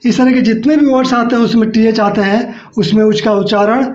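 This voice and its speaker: A man's voice: very high-pitched, fairly even intonation, a little fast, darkish tone. A man teaching a spoken-English lesson, spelling words letter by letter and often checking in with his viewers. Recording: dull lo-fi audio in an echoey room.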